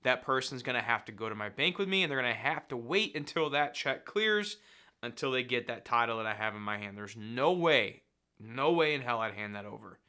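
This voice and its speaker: A man's voice: mid-range voice, expressive, brisk, bright, forceful tone. A man in his thirties giving blunt, casual commentary on clips, laughing often. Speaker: finance YouTuber reacting to clips. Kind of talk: casual commentary and sponsor read.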